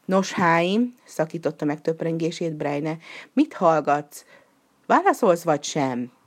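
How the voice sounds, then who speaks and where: A woman's voice: low-pitched, animated. A woman voicing a poor, worried wife who speaks sharply and with reproach in a storybook reading. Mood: bitter.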